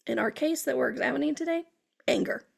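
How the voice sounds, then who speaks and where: A high-pitched woman with a strongly gravelly, husky voice talks through her podcast in a loose, chatty way. She often breaks into laughter and acts out her clients' lines. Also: normal speed. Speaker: podcast host and coach. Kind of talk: casual solo podcast talk.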